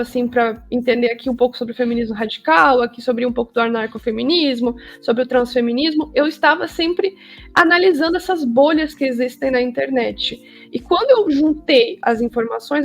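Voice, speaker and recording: High-voiced Brazilian woman with creaky edges. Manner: emphatic, repetitive, slangy. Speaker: interview guest. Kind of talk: casual opinionated conversation.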